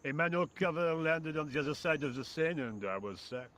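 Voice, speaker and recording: A man's voice: a little high, lively intonation, brisk, fairly bright tone. A man voicing a lazy, sarcastic French workman in a video game, with a French accent and a dry, indifferent drawl.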